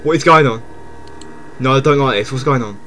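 A man's voice: mid-range voice, fairly quick, pushed and bright, slight background noise. A man streaming a game live in casual chat, jumpy and repeating himself, yelping when startled.

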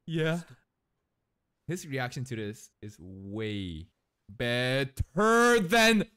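A young man in his twenties giving excited reaction commentary from a small room, close to a boom mic, laughing and breaking into shouts. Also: very slow, clean tone, no echo. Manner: animated, laughing, shouts in bursts. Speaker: anime reaction streamer. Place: small room indoors, in a gaming chair. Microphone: studio mic on boom arm, close.

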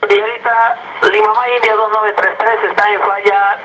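A man's voice: high-pitched, little pitch movement, moderate pace. Male airline pilot on cockpit headset radio, clipped aviation phrasing, muffled and full of static. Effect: cockpit radio over pilot headset. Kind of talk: radio exchange with air traffic control. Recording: muffled, noisy archival radio.

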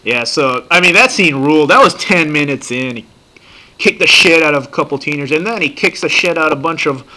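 A man in his thirties talking casually and profanely in a rambling, excitable way while reacting to a TV show at his computer. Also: fairly high pitch, brisk. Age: 30s. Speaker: vlogger reacting to a TV series.

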